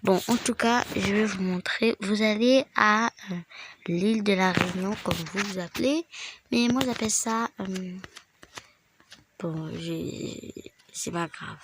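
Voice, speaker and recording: A woman who makes gaming videos rambles through a casual game tutorial, sounding stuffed up from a head cold. Her medium-pitched voice is unhurried, she slips into whispered asides, and there's noise in the background.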